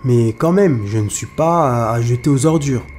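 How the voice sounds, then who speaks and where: A man's voice: mid-range voice, moderate pace, darkish tone, faint music behind, lightly acted. Man doing a young woman, plain-spoken, in a storytelling channel; near his own voice. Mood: hurt. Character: young woman, hopeful then heartbroken bride-to-be.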